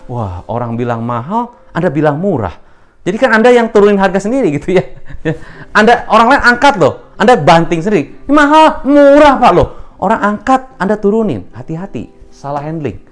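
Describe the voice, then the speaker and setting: A man who coaches salespeople and explains how to close deals. He talks in an animated way and mixes in English terms. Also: sits high, a little fast, faint music behind. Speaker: sales trainer. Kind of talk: training talk with role-play demos.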